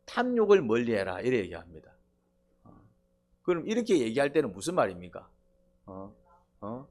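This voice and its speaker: A man's voice: mid-range voice, very animated, moderate pace, a little mellow. A middle-aged male pastor preaching a sermon, quizzing the congregation with rhetorical questions and prompting "eh?".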